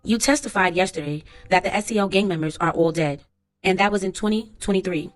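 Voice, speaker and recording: Woman reading as a lawyer asking careful formal questions, mid pitch, faint music under it. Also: fairly quick, lightly acted. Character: courtroom lawyer questioning a witness. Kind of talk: transcript read-aloud.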